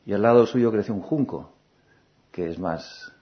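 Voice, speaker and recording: Guy teaching on humility, calm and repetitive, lowish voice, dull lo-fi sound. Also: measured pace. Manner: calm, repetitive, gently questioning. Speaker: spiritual teacher. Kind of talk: reflective spiritual talk. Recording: dull lo-fi recording.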